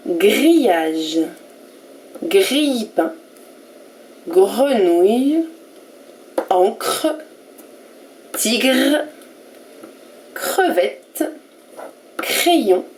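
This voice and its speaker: Slow, careful woman teacher. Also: medium pitch, a little mellow, a little hiss or hum. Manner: slow and careful, spelling out letters and syllables one by one. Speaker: primary school teacher. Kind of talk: recorded reading lesson for first graders.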